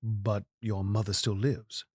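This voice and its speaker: An actor in an audio drama playing King Arthur as a troubled, regal and earnest ruler who speaks in formal, measured courtly phrasing. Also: fairly low pitch, level tone, husky, no room sound, clean studio sound. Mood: probing.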